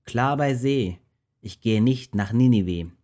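The runaway prophet Jona from a rhyming Bible storybook, as a man reads him aloud. He talks slowly and deliberately in a lowish, mellow voice. He sounds fearful at first and later carefree. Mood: cheerful. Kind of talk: storybook reading in rhyme.

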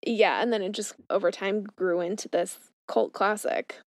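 A woman's voice: medium pitch, fairly even intonation, moderate pace, dry recording. Woman co-host for a casual film podcast, mid-range voice, chatty delivery, very dry small-space sound. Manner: conversational, chatty. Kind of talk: casual movie discussion podcast. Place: small closet, dry close recording.

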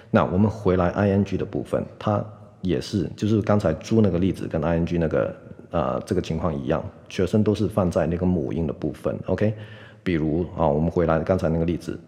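A man teaching English pronunciation on a podcast, patiently repeating words slowly and checking in with "OK". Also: sits low, a little mellow, big-room sound.

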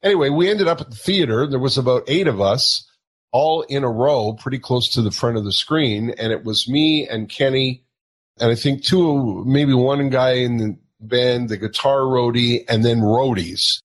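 A man's voice: mid-range voice, moderate pace. A middle-aged man telling a self-mocking anecdote as a guest, laughing often. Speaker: guest telling a touring story. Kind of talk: anecdotal storytelling.

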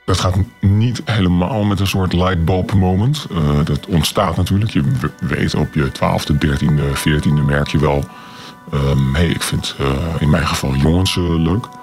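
An anonymous man in his forties speaks in a radio interview, his voice masked by a pitch-shift effect that drops it extremely low. The processed sound is gravelly and rough. He pauses often and fills the gaps with hesitant sounds, weighing each word. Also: steady tone, darkish tone, soft background music. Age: 40s. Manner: hesitant, many filler sounds, slow and deliberate. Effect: voice disguised with a deep pitch-shift distortion.

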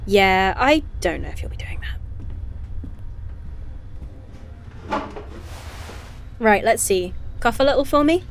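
In an audio drama, a woman plays a caring but no-nonsense scientist and medic, acting naturalistically with a dry, brisk, informal manner. Her voice is a little high and animated, and she sounds concerned and firm.

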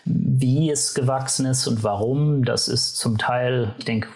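A man's voice: medium pitch, steady tone, darkish tone. Male interviewee, native English speaker with North American accent in German. Hesitant, thinking as he explains. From Canada. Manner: hesitant, halting phrasing. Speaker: university vice president, interview guest. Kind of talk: spontaneous interview answers.

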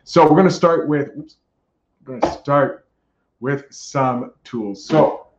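A man hosts a live podcast in a casual, chatty way with a ringmaster's flair for announcing. His voice sits at a medium pitch. The sound is roomy and somewhat dull, like a lo-fi stream. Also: a little hiss or hum. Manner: ringmaster-like showman greetings, drawn-out announcing. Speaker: podcast host. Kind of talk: live-streamed solo show, casual chat.

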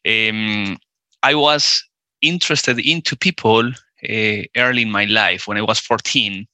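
A Colombian man in his forties, a native Spanish speaker with a Colombian accent, is a guest in a casual interview. His voice is lowish, bright and pushed, and he speaks unhurriedly but hesitantly, with lots of fillers and restarts. The recording has no room sound.

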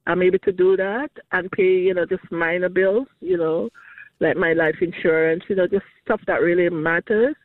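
A woman's voice: on the low side, steady tone, dry recording. An older woman calling in with a money question, speaking hesitantly and restarting her sentences often. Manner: hesitant, halting with many restarts. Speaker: caller. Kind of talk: call-in question. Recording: tinny phone line.

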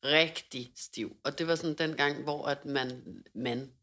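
Chatting casually on her podcast, this young co-host recounts a story in an animated, low-pitched voice. Fillers abound, and she sounds like she's laughing as she talks.

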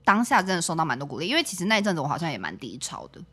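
Fast, lively Taiwanese woman chatting. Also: low-pitched, breathy edge. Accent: Taiwanese Mandarin. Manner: animated storyteller, acts out quotes. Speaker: podcast co-host. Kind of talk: casual chat.

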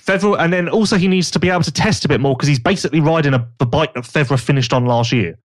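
A man hosts a podcast, chatting casually and telling gossipy stories in a slightly high voice. He talks fast and stays animated, slipping into put-on voices when he quotes people.

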